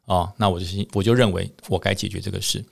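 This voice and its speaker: A man telling a story on a podcast, a former army officer, lively with many drawn-out fillers. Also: deep voice, vocal fry, husky.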